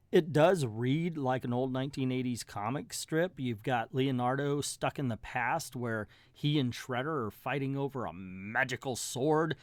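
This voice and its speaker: A man's voice: mid-range voice, no room sound. A middle-aged man hosting a comic book review channel, giving a casual ranked countdown in a folksy, colloquial way with emphatic asides.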